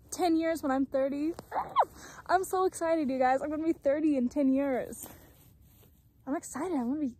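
A twenty-year-old woman with a high, darkish-toned voice vlogs on her phone in a dry mountain meadow, first at arm's length, then with the phone propped on the ground. Her talk is casual and reflective: rambling musings, self-mockery and frequent swearing.

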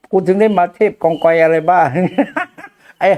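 A man's voice: high-pitched, fairly even intonation, unhurried, darkish tone, smooth. An older man, a Buddhist monk, giving a blunt, earthy dharma talk to a follower, laughing often. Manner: blunt, crude familiar speech, frequent laughter.

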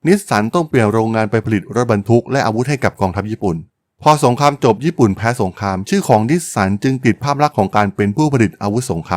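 A man's voice: fairly low pitch, darkish tone, no echo. A man hosting a podcast, telling a business history story in a polite, chatty way with frequent exclamations. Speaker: podcast host.

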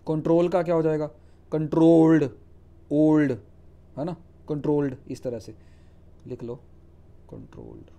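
Hindi-speaking male spelling teacher, mellow voice. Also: fairly high pitch, dull audio. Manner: spells words out letter by letter and checks with "ठीक है?"; reads English rules aloud slowly, then explains them in Hindi. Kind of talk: Hindi lecture on English spelling rules.

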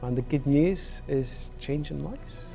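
A man's voice: fairly high pitch, takes it slowly, vocal fry, dark tone, soft background music. A man, a church leader, speaking earnestly with some restarts. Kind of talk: documentary interview.

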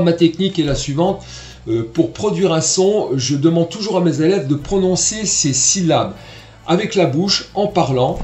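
Male trumpet teacher, patient and explanatory, slightly high voice, roomy echo. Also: a little mellow. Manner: patient, explanatory, demonstrates syllables aloud. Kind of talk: online music lesson.

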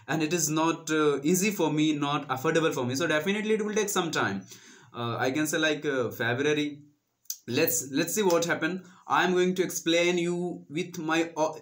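Here a slightly high, fairly bright male voice belongs to a twenty-something host of an English-learning channel, Indian-accented and a native Hindi speaker. Talking directly to the camera through a lapel mic in a small green-screen room, he coaches earnestly and treats his audience like friends.

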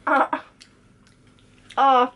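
A woman's voice: drawn-out words, pushed and bright, a little hiss or hum. A woman in her twenties chatting casually on a vlog as a guest, giggly and playfully squeamish, in a small room. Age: 20s. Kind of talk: casual chat, reacting to a candy taste challenge. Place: small bedroom, indoors.

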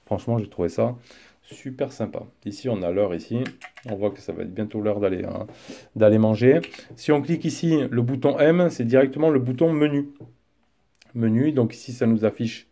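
A man casually reviewing a gadget as he unboxes it, chatty and relaxed, with frequent fillers. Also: mid-range voice. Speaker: tech reviewer. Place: indoor desk setup.

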